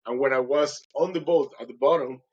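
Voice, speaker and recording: A man's voice: mid-range voice, brisk, lo-fi sound, slight background noise. A man, a podcast guest, telling his personal story in an earnest, emotional way and often restarting his sentences.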